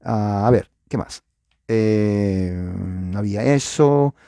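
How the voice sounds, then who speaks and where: A man's voice: on the low side, slow, dark tone, clear, resonant tone, no echo. A man teaching church history in an informal lecture, asking his listeners rhetorical questions and using frequent filler sounds. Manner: speaks directly to viewers.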